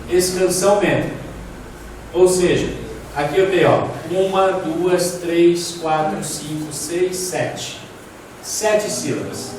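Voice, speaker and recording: Man lecturing in an echoey hall. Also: high voice. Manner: explanatory, asks the audience questions, points at slides. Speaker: poetry lecturer. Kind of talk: classroom lecture with slides. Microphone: distant from the mic. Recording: echoey hall, distant mic, faint room noise.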